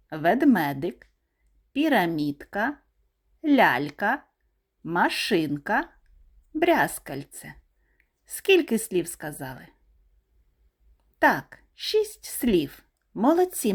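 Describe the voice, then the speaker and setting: Slow, sing-song kindergarten teacher woman. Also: medium pitch. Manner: clear, deliberate word-by-word pronunciation. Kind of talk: slow, sing-song lesson for small children.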